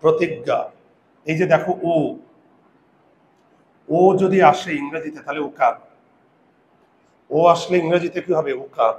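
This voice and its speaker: A man teaching a grammar lesson to a class. He repeats rules, slowly draws out example words and keeps checking that students follow. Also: on the high side, roomy sound, rough recording. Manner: repeats rules, quizzes students with "বোঝা গেল?"; patient, drawn-out pronunciation of example words.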